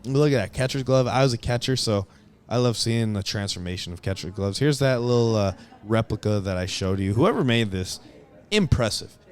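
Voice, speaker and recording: A man's voice: lowish voice, lively intonation, moderate pace, a little hiss or hum. A young man narrating his stadium tour video in a casual, enthusiastic, rambling way with lots of fillers. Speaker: vlogger giving a stadium tour.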